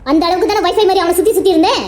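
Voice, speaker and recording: A woman's voice: extremely high pitch, racing, echoey room. Woman voicing a taunting cartoon schemer. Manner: taunting, threatening. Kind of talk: cartoon voice acting.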